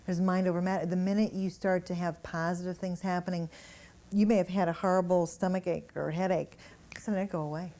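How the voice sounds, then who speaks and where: A woman energy healer giving a live talk to an audience in a room, telling animated anecdotes and chuckling as she goes. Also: fairly low pitch, brisk. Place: indoor room with a gathered audience.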